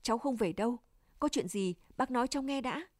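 A woman's voice: a little high, animated, brisk, dry recording, clean studio sound. A woman reading a novel aloud, voicing a polite young male soldier whose words break with grief. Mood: anxious. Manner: deferential, breaking with emotion.

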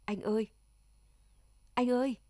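A woman's voice: steady tone, measured pace, a little mellow, dry recording, studio quality, natural voice. A woman doing a frantic young village wife. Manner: high-pitched, pleading cries.

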